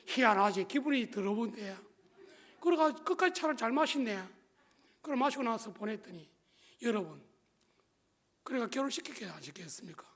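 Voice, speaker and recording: A man's voice: extremely high pitch, lively intonation, normal speed, long pauses, a bit bright. A middle-aged male pastor with a Gyeongsang Korean accent, telling a personal story in a sermon with colloquial, joking asides to the congregation.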